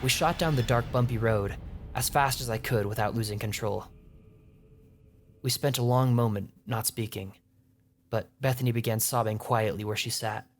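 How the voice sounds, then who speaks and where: A man's voice: medium pitch, a little hiss or hum. Man narrating a horror story. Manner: tense, measured storytelling. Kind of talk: scripted first-person narration. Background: faint music.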